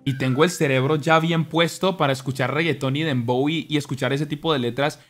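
A young man streaming, talking earnestly to his chat in an animated, preachy way. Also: fairly high pitch, fairly quick. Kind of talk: casual monologue to stream chat. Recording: faint music behind.

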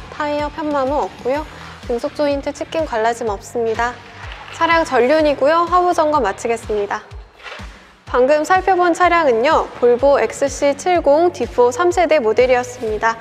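A young woman giving a methodical, polite scripted car walkaround as a sales presenter, over background music. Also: high-pitched. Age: young adult. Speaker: used car dealership presenter. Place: large indoor car showroom, car interior and garage.

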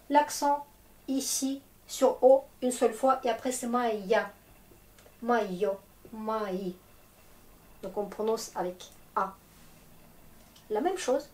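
This French-language lesson is taught by a Russian teacher, a native Russian speaker, whose voice is on the high side and a little mellow. She keeps it slow and clear, explaining patiently step by step.

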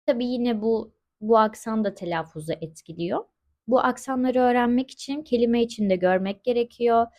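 A woman teaching French pronunciation in a slow, explanatory lesson, patiently saying each example word twice. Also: a little high, a little mellow. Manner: patient, repeats example words slowly.

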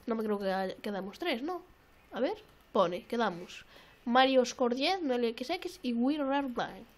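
Young woman, high voice, excitable gameplay commentary, repeats herself. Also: measured pace. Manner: excitable, repeats phrases, swears often. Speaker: gaming YouTuber. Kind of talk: casual let's-play commentary.

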